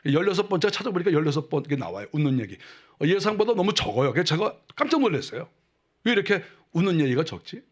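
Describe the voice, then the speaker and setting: A male pastor with a high, light voice gives a sermon in a casual, talky manner. He often drops his voice low and soft to mimic people scoffing. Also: sing-song, fast talker. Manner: conversational, acts out mocking quotes in a lower voice.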